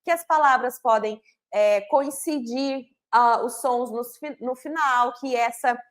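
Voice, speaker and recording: In a recorded online lesson, a woman who trains literacy teachers speaks in a high voice. She teaches didactically, sounding out syllables and phonemes slowly, and elsewhere talks in fast bursts, often checking in with "né?" and "certo?".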